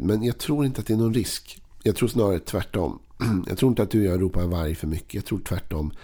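A middle-aged man giving an earnest, slow-paced daily devotional with occasional chuckles. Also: deep voice, mellow, husky. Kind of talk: devotional talk.

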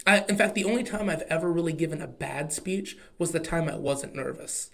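A man's voice: a little high, fairly quick, vocal fry, fairly bright tone. A young man with an Oklahoma accent, chatting casually and candidly as a podcast co-host.

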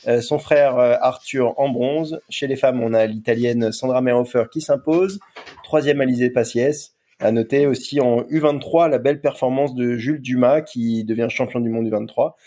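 A man's voice: mid-range voice, steady tone, normal speed, mellow. A man co-hosting a podcast, talking in a rambling way and repeating words. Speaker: podcast co-host. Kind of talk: casual podcast chat.

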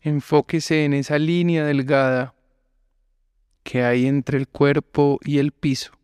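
Speaking with great slowness and long gaps between phrases, a man gives calm guided meditation instructions as a yoga teacher. His voice is a little high, smooth and clear, captured close-up and dry with no echo.

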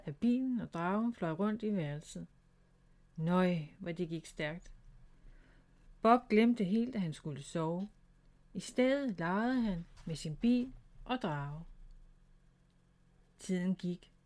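A woman reading a children's storybook aloud in a calm, gentle storytelling way. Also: mid-range voice. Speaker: storybook reader.

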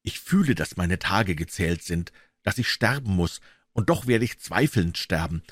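A man reading a classic story aloud as audiobook narration, in a dramatic, expressive way. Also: low-pitched, measured pace, no room sound, clean studio sound. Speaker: audiobook reader.

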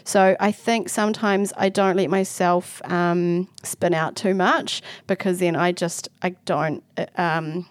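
NZ-woman, theatre artist, chatty and searching; slightly low voice, dry recording. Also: fairly even intonation, measured pace, hardly any pauses, dry recording. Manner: thoughtful, searching for words, many fillers. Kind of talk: casual conversation.

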